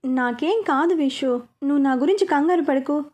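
Sharp young sister, voiced by a woman, suspicious, high voice, storybook telling. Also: moderate pace, lightly acted.

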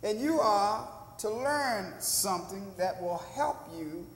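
A man's voice: high-pitched, expressive, takes it slowly. An older man preaching a sermon from the pulpit in a small church, drawing answers from the congregation and rising to fervent emphasis. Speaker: pastor. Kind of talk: sermon with call and response. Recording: echoey church hall.

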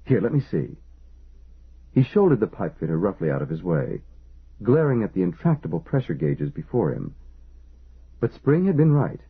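A man reading an audiobook as narrator, in measured, lively storytelling. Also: fairly low pitch, vocal fry, breathy edge. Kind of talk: scripted narration. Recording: tinny phone-like band.

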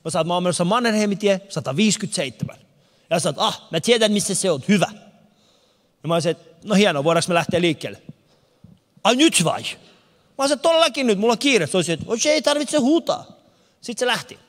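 Male stand-up comic, high voice, performs stories in character, empty concert hall with long echo. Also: animated, fairly bright tone. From abroad, moved to Finland in 1991. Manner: storytelling, acts out characters' lines. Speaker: stand-up comedian. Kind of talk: stand-up comedy. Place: large concert hall with no audience.

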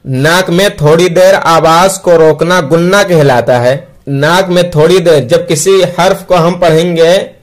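A man's voice: fairly high pitch, steady tone. Patient man spelling out recitation syllables. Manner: patient, repeats each syllable and rule several times; draws out sounds slowly while spelling letters. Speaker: Quran reading teacher. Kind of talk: slow spelled-out recitation lesson.

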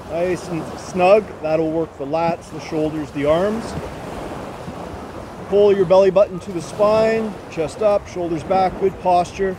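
Male fitness coach, fairly high voice, aerobics-instructor cueing in clipped commands, surf noise behind. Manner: brisk, short commands and encouragement while exercising. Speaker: fitness coach leading a workout. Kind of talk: aerobics-instructor style exercise cueing with counting. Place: outdoors on an open sandy beach by the water. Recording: noisy outdoor recording with surf and wind.

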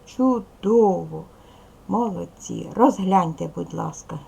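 A woman's voice: on the low side, takes it slowly, creaky, warm tone, husky, rough recording. A woman primary school teacher giving a recorded video lesson to young pupils, patiently explaining, asking questions and praising answers.

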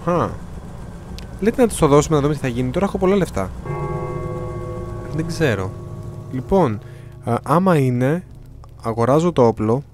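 A man's voice: on the high side, animated, long pauses, darkish tone, faint music behind. A young man giving casual gameplay commentary, chatty and often reading the game's dialogue aloud in changing voices. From Greece. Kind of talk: casual let's-play commentary.

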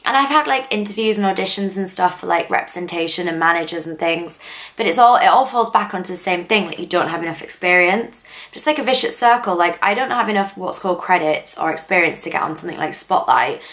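A woman's voice: fairly low pitch, lively intonation, quick pace, fairly bright tone. A woman in her twenties from northern England, chatting casually and rambling to camera in a vlog, full of fillers. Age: 20s. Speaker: vlogger.

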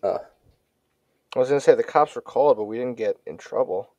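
Bright-voiced young man chatting casually. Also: medium pitch, fairly quick, dry recording, lo-fi sound. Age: young adult. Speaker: podcast host. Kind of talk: casual chat among friends.

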